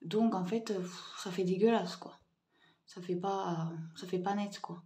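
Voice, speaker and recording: A woman's voice: medium pitch, fairly even intonation, measured pace, mellow. Chatty woman vlogger, hesitant and casual. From Tunisia. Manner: hesitant, many fillers and restarts, chatty. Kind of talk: casual haul video review.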